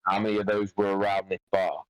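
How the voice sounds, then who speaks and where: A man's voice: fairly low pitch, completely flat delivery, fast, smooth, dry recording, low-quality recording. A man playing a tabletop game on a headset, asking questions hesitantly and stumbling over his words. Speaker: player.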